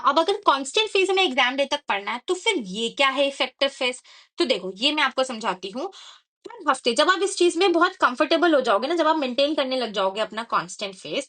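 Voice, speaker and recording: A woman's voice: high voice, sharp tone. A woman explaining an exam study routine, mixing Hindi and English and often checking in with her listeners. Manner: conversational Hindi-English mix with frequent check-ins. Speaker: exam prep educator.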